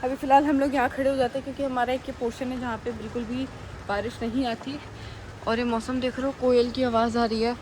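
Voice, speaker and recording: A woman who runs an animal shelter, chatting casually to her viewers and speaking with care so she doesn't trip over her words. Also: on the high side. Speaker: animal rescuer running a shelter. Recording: noisy phone recording with rain behind.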